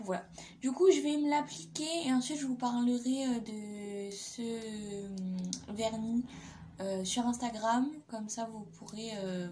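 A woman's voice: on the high side, dark tone. Hesitant young woman, noisy recording. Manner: hesitant, many fillers and repeats. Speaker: beauty vlogger. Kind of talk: casual nail polish review.

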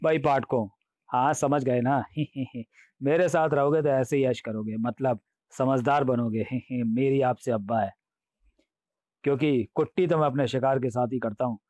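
A man's voice: steady tone, unhurried, darkish tone, no room sound, close to an everyday voice. A man voicing a boastful male demon in a comic audiobook, laughing and chanting as he taunts his prey and teases the readers. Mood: teasing. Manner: booming laughs, sing-song chants, teasing asides to readers.

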